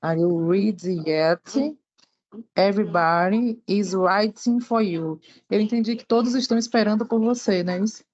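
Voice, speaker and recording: A woman's voice: medium pitch, moderate pace, darkish tone, lo-fi sound. A woman student in an online class, hesitantly reading English sentences and translating them. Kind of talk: answering in class.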